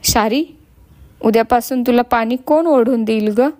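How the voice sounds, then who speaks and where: A woman voicing a gentle young village boy who speaks in a soft, consoling way. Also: fairly high pitch, a little slow, dry recording, close to an everyday voice.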